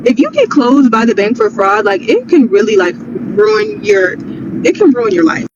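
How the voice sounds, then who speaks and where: A woman's voice: a little high, very animated, normal speed, muffled recording, background noise. A woman who works as a fraud analyst, chatting in a casual vlog with lots of fillers.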